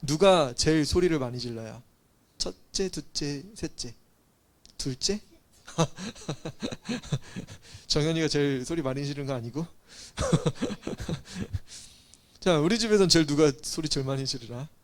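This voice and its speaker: A man's voice: on the high side, lively intonation, slow. A male pastor giving a casual sermon, asking the congregation questions and teasingly calling on children by name. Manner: asks the listeners questions and calls on children by name; chatty, teasing.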